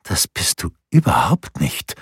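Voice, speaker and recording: A devoted young woman in love speaks softly in a hushed, husky voice, read by a man. The voice sits deep, and the recording is close and dry with no room sound. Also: animated, moderate pace, no echo, heavily acted. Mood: tender.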